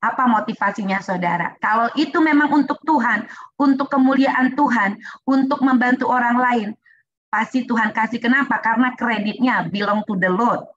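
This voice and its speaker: A woman teaching a church group, urging listeners earnestly, dropping in English phrases and pausing with frequent fillers. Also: a little high, fairly bright tone, highs cut off. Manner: earnest, exhorting, many "uh" pauses. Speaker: Bible teacher. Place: online worship meeting.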